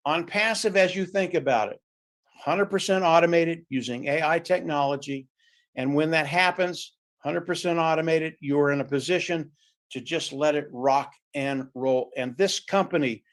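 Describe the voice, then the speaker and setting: A man presenting on a webinar video call, giving a punchy, repetitive motivational sales pitch.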